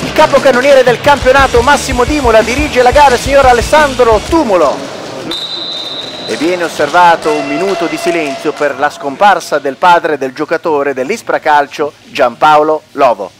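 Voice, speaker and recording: High-pitched excitable male sports commentator. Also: normal speed. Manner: excitable, shouting goal calls. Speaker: match commentator. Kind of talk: futsal play-by-play commentary. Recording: music and crowd noise behind. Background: music, sports hall crowd.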